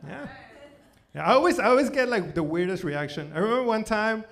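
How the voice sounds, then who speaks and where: With a high, expressive, somewhat bright voice, a forty-year-old Venezuelan stand-up whose native tongue is Spanish tells his stories conversationally at a live comedy club. He halts and repeats words, punctuating everything with "you know" and "like," and the recording is noisy.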